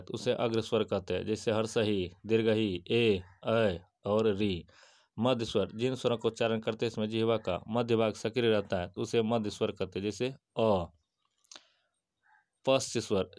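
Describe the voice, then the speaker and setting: Low-voiced man teaching grammar. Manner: steady, list-like recital with questions answered himself. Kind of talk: exam-prep grammar lesson.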